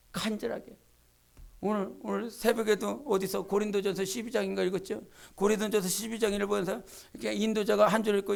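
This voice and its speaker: A woman pastor preaching a Sunday sermon in a church, swinging from hushed asides to fervent, shouted pleas. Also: mid-range voice, vocal fry. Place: church sanctuary.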